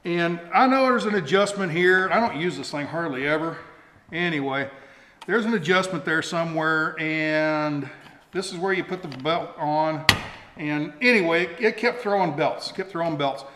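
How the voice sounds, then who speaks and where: A man's voice: on the high side, moderate pace, sharp tone. A middle-aged man giving a casual, rambling, self-deprecating hands-on show-and-tell in a folksy way, as host of a do-it-yourself vlog. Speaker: host of a DIY build vlog. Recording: echoey room, faint noise, camera mic.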